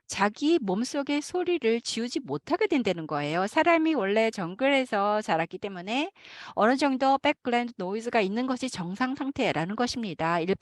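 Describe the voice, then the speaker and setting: A woman interprets a lecture live, her fairly high voice rising and falling with lively swings. She keeps going through frequent hesitant fillers while she finds her words. The recording is dry and close, with no room sound. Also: dry recording.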